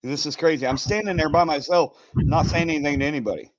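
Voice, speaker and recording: A man's voice: a little high, fast talker, no echo, muffled recording. A man who streams, talking casually in a group chat. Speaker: video streamer who records police.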